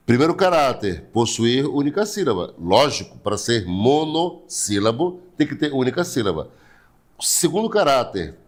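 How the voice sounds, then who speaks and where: A Brazilian man teaching an online writing class, repeating key points step by step and reading viewers' names. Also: mid-range voice. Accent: Brazilian Portuguese. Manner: repetitive, explains step by step, asks rhetorical questions; greets viewers by name, blesses them.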